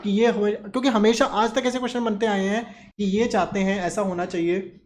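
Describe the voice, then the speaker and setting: A man's voice: high-pitched, steady tone, normal speed. Male teacher quizzing his class. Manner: asks questions and answers them himself; mixes Hindi with English terms. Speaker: commerce teacher. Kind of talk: classroom lecture.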